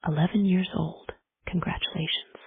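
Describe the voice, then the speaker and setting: Picture a huge bearded giant with rough, folksy speech, voiced by a narrator in an unvoiced whisper with a gravelly edge. The whispered role-play is thin and tinny, like a phone line, with a dry, close sound and no room around it. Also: mid-range voice, fairly even intonation, moderate pace. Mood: friendly. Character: huge gruff bearded male giant groundskeeper.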